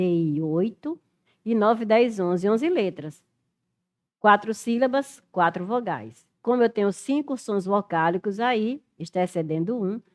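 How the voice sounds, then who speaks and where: A woman's voice: medium pitch, a little mellow. A middle-aged Brazilian woman teaching Portuguese for an exam, thinking aloud and spelling letters out as she works through questions. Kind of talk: exam-prep lesson, working through questions.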